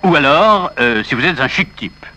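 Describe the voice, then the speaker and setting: A man announcing each case in a comic sketch, in a measured way. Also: a little high, lively intonation. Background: loud music.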